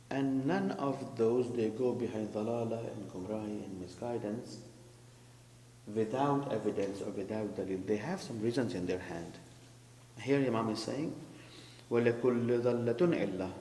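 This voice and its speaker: A preacher with a warm, medium-pitched voice gives sermon commentary, explaining terms and posing questions to the congregation. The recording is an echoey hall with a faint hum.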